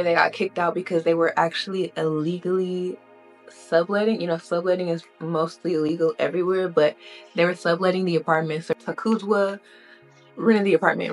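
A woman hosting a commentary channel, retelling a story in a chatty, casual way and using "like" and "y'all" a lot. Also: lowish voice. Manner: chatty, uses "like" and "y'all" often.

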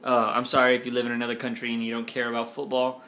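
A man's voice: medium pitch, completely flat delivery, very fast, sharp tone. A young man from the United States chatting casually in a vlog, rambling, joking and cutting himself off mid-sentence. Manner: rambling, jokey, self-interrupting. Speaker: vlogger.

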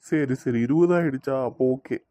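A man's voice: medium pitch, moderate pace, dark tone, dry recording, natural voice. A man voicing a teasing cartoon boyfriend. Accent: Tirunelveli Tamil. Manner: teasing, coaxing, playfully scolding. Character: teasing but doting young man, working. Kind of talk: cartoon voice acting.

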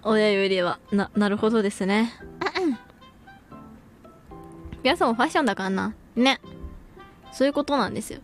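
A woman's voice: medium pitch, moderate pace, pauses often, soft background music. A young woman streaming as a VTuber, chatting casually and reading viewer comments, laughing often and using slangy speech.

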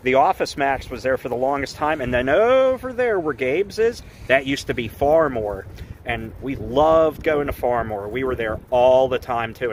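A man's voice: mid-range voice, a little hiss or hum, poor audio. A man from the Pittsburgh area chatting casually for his vlog, upbeat and rambling as he reminisces. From Pittsburgh area, Pennsylvania. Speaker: vlogger. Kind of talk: casual chat.

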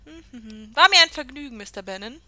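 A woman's voice: fairly high pitch, animated, fast, bright, forceful tone. A woman hosting a let's play, chatting sarcastically while reading the game's dialogue aloud. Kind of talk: gameplay commentary.

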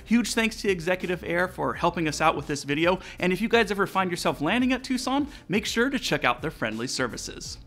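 An American aviation channel host in his forties delivers a scripted explanation to viewers over background music, in an indoor studio decorated with aviation items. His voice is high, very animated, a bit bright, and a little fast, with hardly any pauses.

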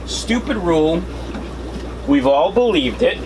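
A man's voice: sits high, slow pace. A middle-aged man hosting a debunking vlog in a casual, opinionated way, explaining informally to the camera. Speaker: host of a fishkeeping channel. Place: small indoor fish room full of tanks. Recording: steady background hum and noise.

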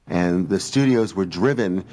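A man speaking in a measured, articulate way in a documentary interview. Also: deep voice, darkish tone, slight background noise.

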